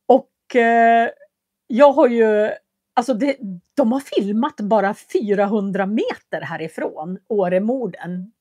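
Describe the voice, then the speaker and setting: On a clean studio recording with no echo, a woman's slightly mellow, higher-pitched voice is heard as she casually responds to viewer comments. She's a language teacher livestreaming from Köping in Västmanland, Sweden, and her hesitations come across as friendly.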